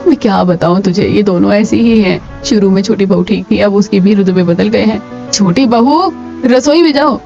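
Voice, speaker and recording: A woman's voice: medium pitch, moderate pace, vocal fry, lightly acted. A woman voicing a stern, bossy mother-in-law in a cartoon. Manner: bossy, scolding. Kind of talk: cartoon voice acting. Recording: lo-fi with soft music.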